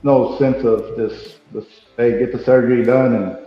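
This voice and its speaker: A man's voice: steady tone, normal speed. A man chatting casually as a podcast co-host over a video call, his voice ringing with big hall echo from a half-empty new room. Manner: easygoing, loose and chatty. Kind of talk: casual fan chat. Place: newly painted room still being set up. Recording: booming hall echo, dull lo-fi sound, faint music.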